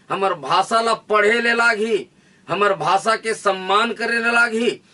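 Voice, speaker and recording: A man with a Chhattisgarhi accent giving a forceful interview answer, declaiming in rallying repeated lines. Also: high-pitched, distant mic. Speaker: interviewee, activist leader. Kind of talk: fiery political speech.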